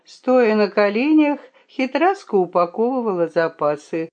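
Woman storyteller, slow storybook reading, lively melodic pitch. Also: muffled recording. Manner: expressive, unhurried.

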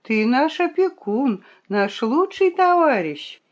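Woman doing a sly female fox, high sweet voice, flattering, storybook reading. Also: takes it slowly, muffled recording, exaggerated voice. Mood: fawning. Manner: sweet fawning tone, turning sharp.

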